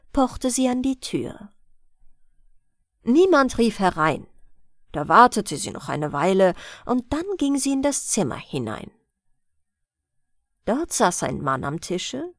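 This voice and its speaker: A woman narrating a fairy-tale audiobook for falling asleep, in a gentle, soothing storytelling manner. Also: mid-range voice, no echo, clean studio sound.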